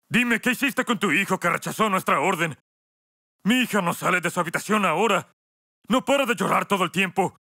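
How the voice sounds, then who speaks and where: A man's voice: high-pitched, pushed and bright, dry recording, studio quality, heavily acted. A voice actor in a film dub playing a middle-aged father who sternly accuses another man of shaming his daughter. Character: proud, aggrieved father. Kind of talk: dubbed film acting.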